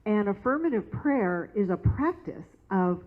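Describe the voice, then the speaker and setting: A woman's voice: medium pitch, big pitch swings, unhurried. A woman minister preaching a sermon in a conversational, storytelling manner in a church. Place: church sanctuary. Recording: tinny phone-like sound.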